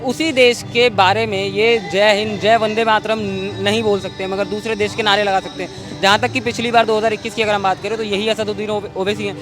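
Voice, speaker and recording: A man's voice: high-pitched, level tone, fairly quick, hardly any pauses, over music. A man interviewing a guest, posing long political questions and stumbling over his words.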